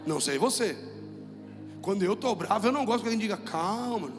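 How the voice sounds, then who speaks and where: A man's voice: high-pitched, expressive, fast talker, in a large hall, over music. A man with a Brazilian Portuguese accent preaching a sermon as pastor, emphatic and repetitive, calling on the congregation to repeat after him. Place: church hall with music.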